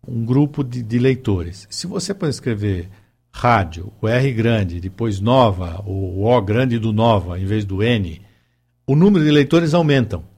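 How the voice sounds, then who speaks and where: A man's voice: on the low side, a little mellow, slightly rough. A man talking in a casual conversation, hesitant, with many fillers and restarts.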